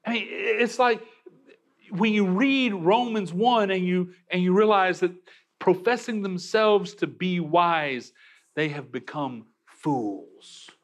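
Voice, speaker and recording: A man's voice: high voice, takes it slowly. A man preaching a sermon, emphatic, with frequent restarts. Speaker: pastor.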